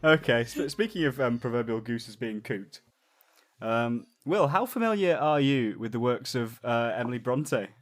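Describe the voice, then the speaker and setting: A man's voice: mid-range voice, lively intonation, moderate pace, soft background music. A man running a podcast segment in casual chat, teasing, giggling and stumbling over his words. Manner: giggly, stammering restarts, teasing.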